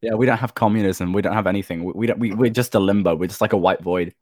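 A man's voice: lowish voice, fast talker, a little mellow. A British man chatting casually over a voice call, with a dry, jokey manner. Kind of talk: casual chat.

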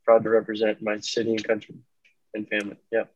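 A man's voice: lowish voice, monotone, quick pace, a little mellow, no room sound. Young guy athlete, lots of ums, muffled dry zoom audio. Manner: brief, hesitant answers with many ums. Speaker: interview guest, athlete. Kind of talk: interview answers. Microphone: video call. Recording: dry, dull video-call audio.

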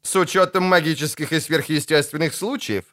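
A gloomy priest speaks in grave, measured warnings, as a male narrator plays him. The tone sits a little above the reader's usual voice, and the recording is dry and close. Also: on the high side, fairly bright tone, dry recording, pitched above the performer's own voice, lightly acted. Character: gloomy middle-aged male priest, stern.

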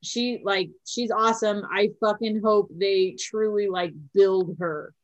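A woman talking casually as a podcast co-host, her pitch sitting in an ordinary middle range. She is excitable, swears freely and breaks into laughter often. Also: measured pace, dull audio. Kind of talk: casual chat.

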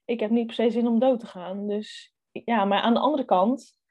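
A young woman co-hosts a book podcast, reading a thriller excerpt aloud and chatting casually about it while thinking aloud with hesitant fillers. Her voice is fairly high, a little mellow, and paced at normal speed.

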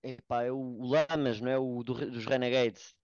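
A man's voice: medium pitch, steady tone, moderate pace, a little mellow, clear, resonant tone, no echo, muffled recording. A man with a European Portuguese accent talking casually and earnestly on a podcast, repeating points for emphasis. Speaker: American football player, podcast guest.

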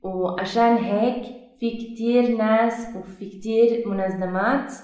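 A young woman researcher answers interview questions in Levantine Arabic, a language she has learned rather than grown up with, so her accent is non-native. She speaks haltingly, hunting for words and correcting herself, in a steady, darkish voice on the high side, recorded in a very echoey, reverberant room.

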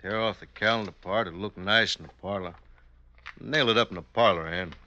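An actor in an old-time radio drama playing a folksy American outlaw husband, gruff and laconic. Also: male voice, fairly low pitch, brisk, dull audio, lightly acted. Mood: relaxed. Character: outlaw husband come home, gruff, watchful and easygoing. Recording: old radio recording with hiss, clicks.

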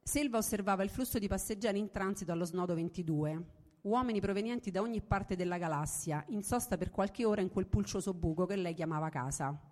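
A woman reading a science fiction story aloud in a measured, steady way, after introducing it. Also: fairly low pitch. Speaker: reader. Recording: reverberant room.

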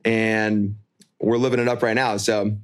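A man's voice: on the low side, flat delivery, measured pace. A man chatting casually as a podcast co-host, upbeat and informal, speaking to his listeners like friends. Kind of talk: casual chat. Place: holiday rental, remote call over spotty Wi-Fi.

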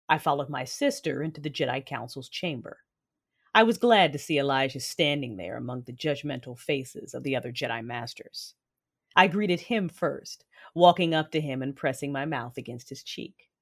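In a science fiction audio drama, a woman voices a proud, defiant Sith lord narrating her own story. Her deep voice carries an intense, deliberate delivery.

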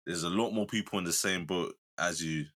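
A man's voice: deep voice, brisk, fairly bright tone. A young man with a London accent, bantering on a casual podcast in a slangy, emphatic way. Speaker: podcast co-host.

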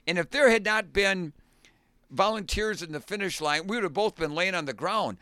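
Bright-voiced man recalling his race. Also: sits high, normal speed, clean tone, no echo. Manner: reflective storytelling, often says "done". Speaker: podcast co-host, former marathoner. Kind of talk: casual chat.

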